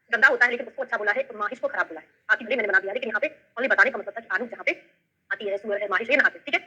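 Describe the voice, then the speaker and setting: A woman's voice: a little high, sharp tone, slightly rough, dull audio. A woman with a Bundelkhandi accent teaching an online lesson, explaining step by step and checking in with her students. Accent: Bundelkhandi Hindi. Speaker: Ayurveda tutor. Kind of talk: online lesson with memory tricks.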